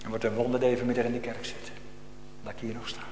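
A man's voice: mid-range voice, monotone, fast, slight background noise. Preaching man in an echoing church. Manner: swings from loud exclamations to hushed near-whispers. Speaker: pastor. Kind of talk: sermon.

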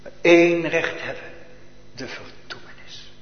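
A man preaching a sermon as a pastor. His delivery is urgent and swings between loud declarations and hushed, near-whispered lines. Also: a little high, measured pace, slight background noise. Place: church. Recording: echoey church hall, dull lo-fi sound.

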